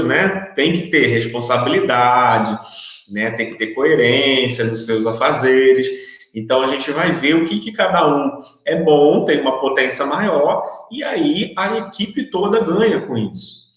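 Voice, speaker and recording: A man's voice: on the high side, a bit bright. A man giving a recorded online university lecture, explaining step by step and often checking that students follow along. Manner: explanatory, checks understanding with frequent tags. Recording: very echoey room.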